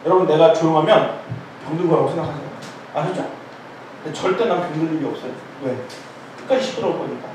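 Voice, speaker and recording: A middle-aged man preaching an informal sermon at a prayer meeting, telling jokes and stories in an animated way and calling himself loud. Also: on the high side, quick pace, long pauses. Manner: animated, joking storytelling, calls himself loud. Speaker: pastor. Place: church sanctuary. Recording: echoey church hall, distant mic, faint noise.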